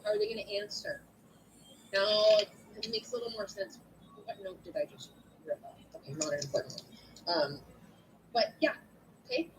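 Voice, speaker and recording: A woman lecturing a class in an animated way, acting out little scenes with clients. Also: high voice, a little hiss or hum, rough recording. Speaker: instructor.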